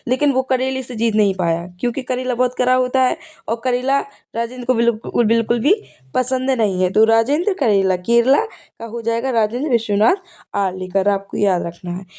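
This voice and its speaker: Mellow-voiced woman teacher, repeating herself. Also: a little high, moderate pace. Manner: repetitive, checks in with "ठीक है". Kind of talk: exam revision lesson with memory tricks.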